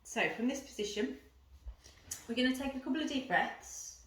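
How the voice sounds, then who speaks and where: Speaking in a high voice at a moderate pace, a woman talks a camera through a yoga and breathing lesson with informal, step-by-step guidance and explanations. The room echoes, her voice is at some distance, and there is slight background noise.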